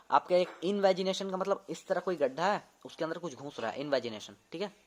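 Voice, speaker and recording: A young man, a medical student, casually teaching an anatomy lesson, demonstrating movements and often repeating terms to check understanding. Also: a little high. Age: young adult.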